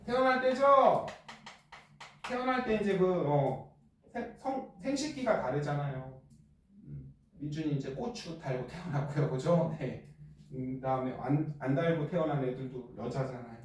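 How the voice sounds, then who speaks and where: A middle-aged male teacher lecturing a class in a joking, blunt way and firing quick questions at students. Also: on the high side. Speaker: middle school science teacher. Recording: echoey classroom from far off.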